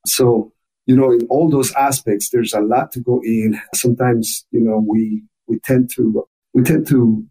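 A man's voice: medium pitch, fairly even intonation, unhurried, mellow, husky, rough recording. A man from Ecuador with a thick Ecuadorian Spanish accent, a native Spanish speaker, talking earnestly as a podcast guest, often repeating words as he restarts. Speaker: guest, chamber of commerce officer. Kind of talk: podcast interview.

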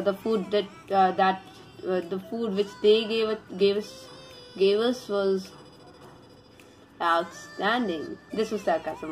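A woman's voice: medium pitch, poor audio. A woman, telling a story in a casual vlog. She rambles, often restarts her sentences and adds dry sarcasm. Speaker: vlogger.

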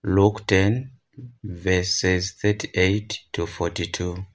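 A man's voice: deep voice, flat delivery, extremely slow. A clergyman giving a solemn liturgical reading of the Gospel.

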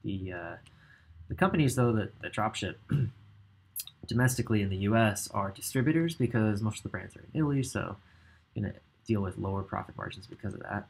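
A man's voice: fairly low pitch, animated, brisk, vocal fry, a little hiss or hum. A man in his thirties giving a casual screen-share tutorial at a home desk, thinking aloud with frequent ums as he browses. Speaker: ecommerce coach. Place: indoor home office.

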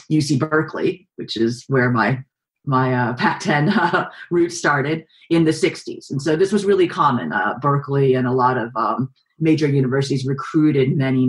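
A thoughtful woman in her forties, from the Bay Area, speaks as an author and journalist guest. Her answers come steadily, with frequent pauses and fillers. She is recorded over a video call webcam in a home living room. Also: rumbling low. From San Francisco Bay Area, US. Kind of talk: reflective interview answers.

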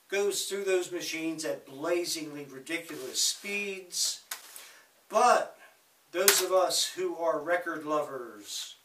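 A vlogger talks casually to camera about records and audio gear from a home room packed with equipment, rambling and tossing in joking asides. His voice is high and bright, his pace slow but with sudden quick bursts. The distant mic lets the room echo through, with a little hiss or hum.

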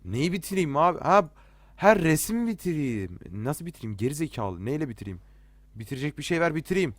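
A man's voice: on the high side, big pitch swings, fairly quick, dry recording. A young man commenting as he plays a horror game, nervous and jittery, joking and swearing at every scare. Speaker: let's play gamer.

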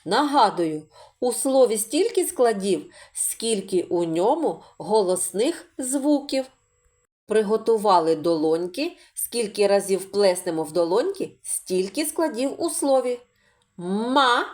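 Slow, singsong woman teaching small children. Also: mid-range voice, big pitch swings, mellow. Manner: patient, slow and singsong, stretching out sounds for children. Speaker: preschool teacher. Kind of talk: video lesson for small children.

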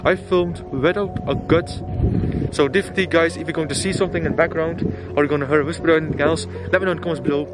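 Young man, slightly high voice, casual exploration vlog, handheld camera, clear background music. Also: steady tone, racing. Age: young adult. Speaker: vlogger, urban explorer. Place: abandoned farmhouse at night. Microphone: handheld camera at arm's length.

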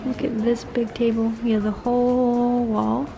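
A young woman in her twenties touring a big house for her vlog, talking in an excitable, gushing way into a handheld camera. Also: a little high, a little slow, creaky, music in the background, rough recording. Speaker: vlogger. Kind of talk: casual vlog house tour.

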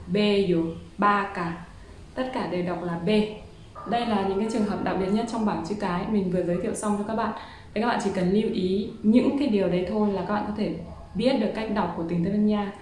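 A woman vlogger giving a casual pronunciation lesson, slowly drilling syllables and repeating example words. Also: mid-range voice, darkish tone. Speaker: language teacher vlogger. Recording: very echoey room with faint noise.

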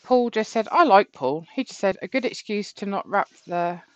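A woman's voice: medium pitch, lively intonation, normal speed, a little mellow, dry recording, lo-fi sound. A woman co-hosting a livestream, reading out viewer comments and teasing her partner playfully. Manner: teasing, playful, laughs often. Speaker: co-host reading live chat. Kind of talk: casual livestream banter.

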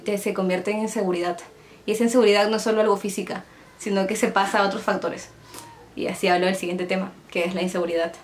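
A woman's voice: medium pitch, slight background noise. A young woman with a Peruvian accent talking casually to her viewers from her bedroom in a confiding vlog, joking in asides while she paints her nails. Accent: Peruvian Spanish. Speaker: vlogger.

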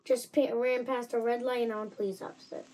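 A young woman giving casual game commentary, excitable and jumpy, swinging from nervous mumbles to loud surprised outbursts. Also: fairly high pitch, brisk, poor audio. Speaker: gaming channel host.

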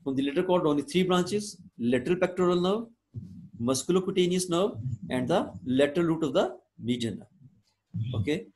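A male lecturer with a Hindi-Urdu accent of northern South Asia speaks in a slightly high voice. He teaches live, repeating points and often adding short tags to check that students follow. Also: animated, moderate pace, darkish tone. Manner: didactic, repetitive, frequent check questions and tags. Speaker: anatomy lecturer. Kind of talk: live online lecture, switching between English and Hindi-Urdu.

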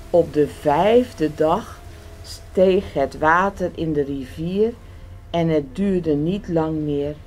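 A woman reading a children's picture book aloud, gentle and expressive. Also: low voice, slight background noise. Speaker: storyteller.

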